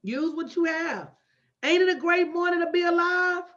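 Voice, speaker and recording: This late-40s motivational business coach has a very high, fairly bright voice and talks at a moderate pace while hosting a livestream. She coaches her live online audience with emphatic, preacher-like repetition and folksy direct address, all captured in dull, lo-fi livestream sound.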